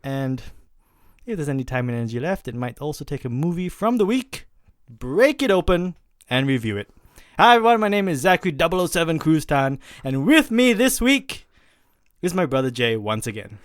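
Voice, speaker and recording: Smooth-voiced podcast host. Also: male voice, a little high, big pitch swings, moderate pace, no room sound, clean studio sound. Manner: rambling, with many fillers and self-corrections. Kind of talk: casual podcast chat.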